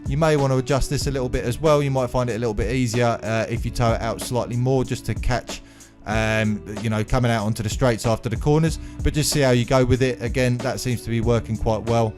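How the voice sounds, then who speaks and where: Over background music, a man who runs a video game channel narrates a gaming tutorial in a casual way. He speaks quickly at medium pitch with fairly even intonation, his words slightly numb-mouthed like after dental anaesthetic.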